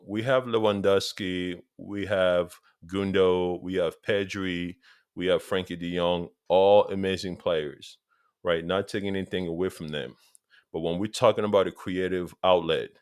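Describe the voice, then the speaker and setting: A man's voice: low-pitched, steady tone, measured pace, smooth, dry recording, studio quality. A man in his thirties from Congo, with a Congolese accent, eagerly talking football straight to his viewers in a casual vlog and repeating points for emphasis. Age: 30s. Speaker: football vlogger.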